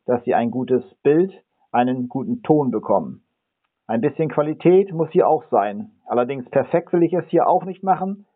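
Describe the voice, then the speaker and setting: A middle-aged man explains his aims in an earnest, methodical way, counting his points off one by one and stumbling now and then over a word. His voice sits at an ordinary pitch. The sound is thin and boxy, like a phone line. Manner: occasional slips and self-corrections. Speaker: energy and building consultant. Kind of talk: self-recorded channel introduction. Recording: narrow, phone-like audio.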